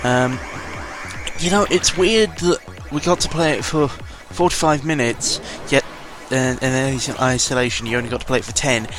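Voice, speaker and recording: A British man, a gaming vlogger, gives casual, rambling game commentary in a medium-pitched voice at a moderate pace. He digresses, swears, and often corrects himself, with music playing under his voice.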